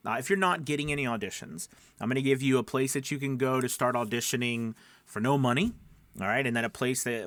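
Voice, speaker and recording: In a dry recording, a man with a medium-pitched, fairly bright voice coaches voice-over work to camera. His advice is casual and instructional, and he keeps checking in with the listener using tags like "right" and "okay."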